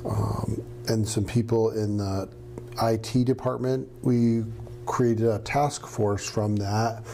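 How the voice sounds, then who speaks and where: A middle-aged radio professor from New Hampshire answers interview questions in a relaxed, storytelling manner, with a few fillers. His fairly low voice moves slowly, recorded in a studio with a green screen and slight background noise.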